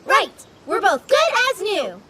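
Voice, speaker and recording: Bubbly teasing anime maiden. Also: female voice, wildly swooping pitch, measured pace, exaggerated voice. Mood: cheerful. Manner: teasing, swings from shrill yelling to sly low purrs. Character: bubbly mischievous young maiden, teasing and loud. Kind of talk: anime English dub.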